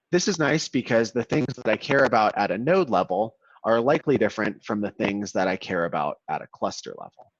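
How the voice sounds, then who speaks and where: A man presenting a software walkthrough in a webinar, explaining steadily while his call audio keeps cutting out and breaking up. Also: lowish voice, no room sound. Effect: choppy, cutting-out call audio. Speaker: product demo presenter. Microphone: video call. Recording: dull, dry, glitchy call audio.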